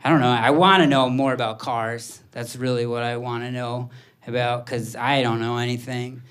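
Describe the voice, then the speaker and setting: A man's voice: medium pitch, fairly even intonation, normal speed, fairly bright tone, smooth. A man in his thirties doing stand-up comedy on stage, telling rambling, self-deprecating stories and acting out the people in them. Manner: rambling, self-deprecating storytelling with voiced quotes. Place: theater stage before a laughing audience. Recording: live stage recording with audible audience noise. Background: audience laughter.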